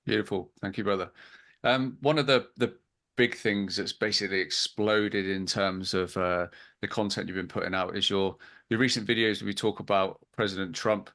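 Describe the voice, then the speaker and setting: A man's voice: lowish voice, steady tone, normal speed, bright, forceful tone. A man hosting an interview, effusive toward his guest, asking long rambling questions. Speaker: host. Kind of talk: interview over video call.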